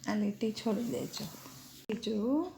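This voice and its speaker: A woman teacher leads a dictation lesson for children, deliberate and unhurried, spelling each word letter by letter. Her voice is dark and mellow with a gravelly edge, and she speaks at a very slow, measured pace. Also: medium pitch, a little hiss or hum.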